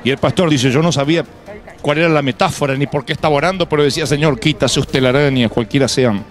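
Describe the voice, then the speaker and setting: A man's voice: a little high, fast talker, soft background music. A man pastor preaching a live sermon to a congregation, emphatic and punctuated with humorous asides and acted quotes. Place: church before a congregation.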